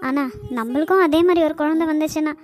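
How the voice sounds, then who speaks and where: A woman voicing a young wife in a cartoon, speaking softly and pleadingly. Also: sits high, quick pace, natural voice. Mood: tearful. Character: young wife, usually cheerful teaser, now tearful.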